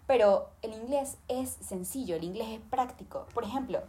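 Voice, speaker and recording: A woman's voice: on the high side, normal speed, dark tone. A woman talking casually and emphatically, giving listeners tips and speaking to them directly. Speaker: language tips presenter. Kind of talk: casual advice monologue.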